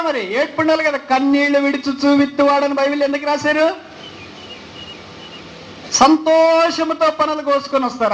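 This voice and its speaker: A man preaching with a strikingly high voice that sits far above most men. He builds his points through repeated rhetorical questions and slows to a crawl on the phrases he wants to land. Faint noise hangs behind him. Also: fairly bright tone. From India. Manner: slows sharply to stress English phrases. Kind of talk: sermon.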